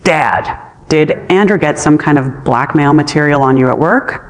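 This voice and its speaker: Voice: medium pitch, normal speed, big-room sound, close to an everyday voice. Narrator voicing a whiny spoiled heir. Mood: aggrieved. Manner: aggrieved, pleading.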